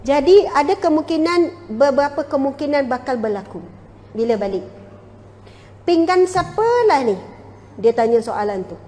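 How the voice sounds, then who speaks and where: A woman with a Malaysian Malay accent giving a lively religious lecture to women, acting out household dialogue. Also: high-pitched, normal speed. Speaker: female religious teacher. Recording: long hall reverb.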